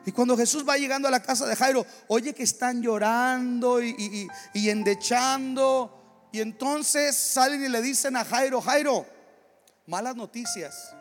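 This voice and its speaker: A man preaching a sermon, swinging between loud proclamation and hushed, pleading tones. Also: very high-pitched, measured pace. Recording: large hall with reverb, music behind.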